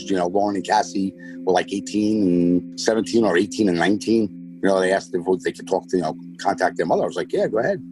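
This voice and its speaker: A man's voice: sits low, darkish tone. A father being interviewed, speaking plainly and repeating points for emphasis. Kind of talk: casual interview recollection.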